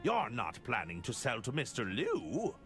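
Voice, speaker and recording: A man's voice: mid-range voice, huge pitch swings, measured pace, fairly bright tone, faint music behind. A man playing an earnest, awkward, politely inquisitive novelist detective in a comedic game. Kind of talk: comedic adventure game acting.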